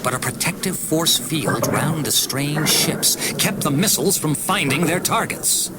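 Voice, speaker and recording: A man narrating a children's storybook audiobook with an expressive, varied delivery. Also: a little high, measured pace, heavy background noise.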